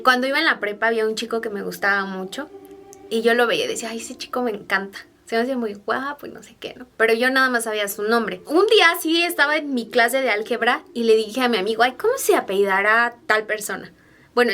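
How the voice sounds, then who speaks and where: A woman's voice: a little high, brisk, a bit bright. A young woman telling personal stories to camera in a chatty way, full of fillers and asides to her viewers. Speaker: vlogger.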